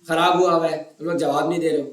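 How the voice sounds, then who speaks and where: A man's voice: fairly high pitch, fairly even intonation, fast talker, reverberant, distant mic, low-quality recording. A man from Pakistan with a sore throat, lecturing a class on web design and teasing students to answer whether they follow. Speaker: web development instructor.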